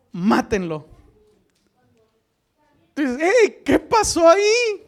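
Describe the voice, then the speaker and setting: High-voiced preacher, emphatic and dynamic. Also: male voice. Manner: emphatic, rhetorical questions, swings between loud and hushed. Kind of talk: sermon.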